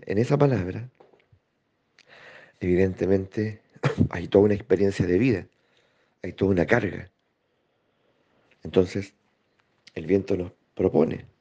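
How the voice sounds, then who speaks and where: Man, spiritual talk, husky voice, reflective pauses, dull lo-fi recording. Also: deep voice, dark tone. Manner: slow, thoughtful, with pauses and rhetorical checks. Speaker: spiritual teacher. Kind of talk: reflective spoken teaching.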